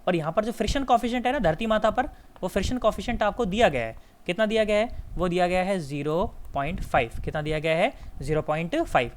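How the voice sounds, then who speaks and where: जोश से पढ़ाता ऊँची आवाज़ वाला आदमी. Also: male voice, high voice, expressive, fast. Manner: repetitive, emphatic, addresses students familiarly. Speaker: physics teacher. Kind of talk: lecture to students.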